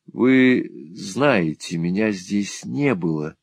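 A man doing a gentle young teacher, soft-spoken. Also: on the low side, lively intonation, slow, dry recording, studio quality, full character voice.

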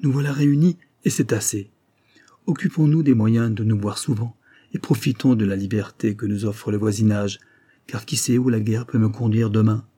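A man's voice: on the low side, steady tone, normal speed, warm tone, husky. A man voicing an ardent young male lieutenant who pleads eagerly and turns furious. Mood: pleading. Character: ardent young male lieutenant, smooth-talking then violent. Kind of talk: audiobook character voice.

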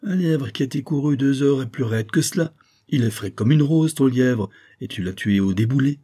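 A male narrator voicing a mocking, insolent young nobleman in an audiobook, pitched higher than his own voice. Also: normal speed, warm tone, lightly acted.

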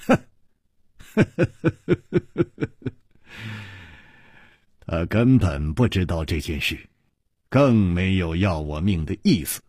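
A male storyteller voicing a composed, wry hero who speaks slowly and knowingly. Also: low-pitched, breathy edge, no echo, clean studio sound, voice pushed down, heavily acted. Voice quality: calm, wry, drawn-out.

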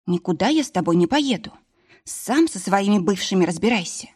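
A woman's voice: mid-range voice, lively intonation, normal speed, a little mellow, husky. A woman reading an audiobook voices a stubborn, tipsy young wife with a pouty, defiant manner.

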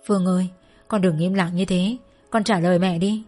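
A woman's voice: on the low side, fairly even intonation, moderate pace, warm tone, soft background music, lightly acted. A woman voicing a desperate mother who tearfully begs her daughter for help, in a spoken story. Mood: pleading. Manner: tearful, begging. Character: desperate pleading mother in debt.

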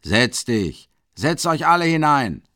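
A man voicing a drunken, cruel male peasant carter who bellows loudly in a raised voice. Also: very animated, slow, no room sound, studio quality, heavily acted. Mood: raging. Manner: bellowing, higher and louder than the narration.

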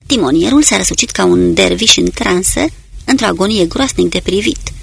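A narrator reading a war novel aloud in a steady storytelling delivery. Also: medium pitch, creaky, husky. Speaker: audiobook narrator. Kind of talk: dramatic audiobook narration.

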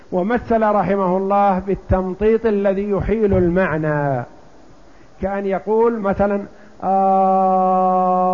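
An older man explaining a religious text, slowly and deliberately, asking rhetorical questions. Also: high voice. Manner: slow, deliberate, drawn-out examples, rhetorical questions. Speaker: sheikh teaching a fiqh text. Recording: dull lo-fi lecture recording.

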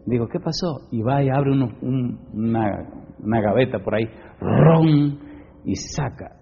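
A man preaching a sermon as a pastor, swinging between loud rising questions and quiet asides. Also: medium pitch, moderate pace, gravelly, long reverb tail, highs cut off, a little hiss or hum.

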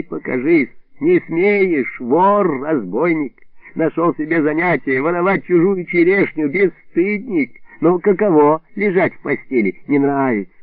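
A man's voice: fairly high pitch, no room sound, voice pushed up. A man doing a hollering, gloating old neighbor. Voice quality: shouting, taunting. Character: one-eyed old neighbor, loud and gloating. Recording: narrow phone-like band, dry.

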